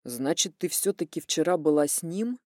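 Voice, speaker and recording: A woman's voice: sits low, lively intonation, moderate pace, a little mellow, no room sound, studio quality, voice pushed down. A woman reading an audiobook voices a cold, gloomy young man who speaks in a clipped, icy, pressing way.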